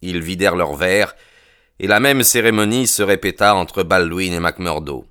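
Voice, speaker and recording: A man narrating an audiobook in a measured, expressive reading style. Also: low voice, clean tone, no room sound, studio quality. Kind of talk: scripted narration.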